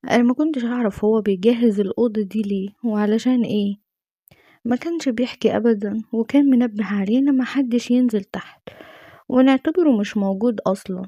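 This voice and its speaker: An Egyptian woman tells a dramatic first-person story in an earnest, emotional way. Her voice is warm and somewhat high. The sound is dry with no room echo, and the recording is slightly dull and lo-fi. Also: quick pace. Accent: Egyptian Arabic.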